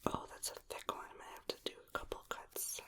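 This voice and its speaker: Female ASMR performer for whispered role-play: breathy whisper, soothing and unhurried, very close on the mic. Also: pushed and bright. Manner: soothing, unhurried, murmured asides. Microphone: close ear-to-ear stereo microphone.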